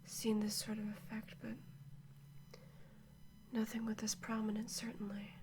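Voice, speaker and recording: A woman playing a calm, absorbed archaeologist in a hushed, monotone ASMR role-play, speaking in a measured way close to the microphone. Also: medium pitch, lightly acted. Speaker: ASMR performer. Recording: clearly noisy close-mic recording.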